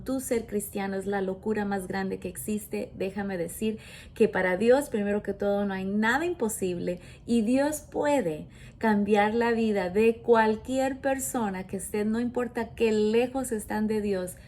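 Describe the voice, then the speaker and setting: Slow-speaking woman pastor preaching. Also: medium pitch, darkish tone. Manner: slow, emphatic preaching with self-corrections. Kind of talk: sermon with Bible reading.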